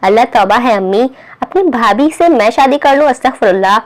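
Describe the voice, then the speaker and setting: A playful teenage boy, read by a woman, teasing his family with mock horror. The voice sits fairly high. It is a storybook reading. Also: animated, fairly quick, lightly acted.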